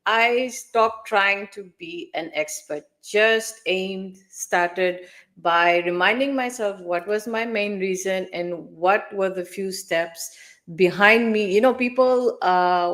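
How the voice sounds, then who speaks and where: A woman in her forties from Fiji, a guest in a live interview, speaking in a measured, reflective way. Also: medium pitch, fairly bright tone. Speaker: guest, finance mentor.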